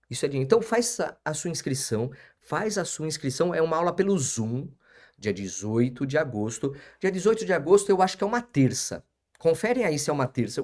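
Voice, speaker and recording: A man's voice: mid-range voice, darkish tone. A man, hosting a live stream as an auctioneer and lawyer, repeating his phrases for emphasis and chatting with viewers.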